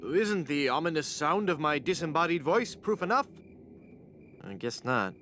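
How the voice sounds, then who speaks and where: A man's voice: a little high, sing-song, normal speed, bright, forceful tone, slight background noise. A man playing a hapless, earnest adventurer in a comic adventure game, pleading and bluffing theatrically as a would-be ghost.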